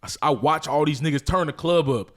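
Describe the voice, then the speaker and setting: Dude talking real fast, bit higher voice, cussing a lot while telling stories. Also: male voice. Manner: animated, profane storytelling. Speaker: DJ, roundtable guest. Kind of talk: casual roundtable chat.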